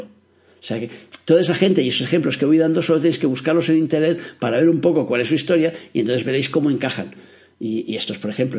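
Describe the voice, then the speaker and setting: A man's voice: mid-range voice, darkish tone. A middle-aged man, teaching astrology in a spoken lecture, explaining patiently with rhetorical questions and fillers.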